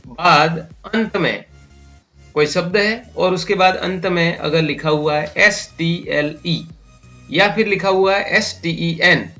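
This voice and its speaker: Male teacher, Rajasthani Hindi accent, slow letter-by-letter explaining, bright voice, light music bed. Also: high voice. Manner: slow, spells out letters one by one. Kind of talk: spoken English pronunciation lesson.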